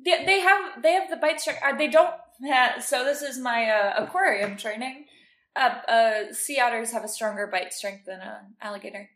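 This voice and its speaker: Woman co-host, casual and chatty, laughs a lot; higher voice, roomy recording. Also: moderate pace, a bit bright. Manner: chatty, laughs often, explains facts. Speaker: podcast co-host. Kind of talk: casual chat. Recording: roomy echo.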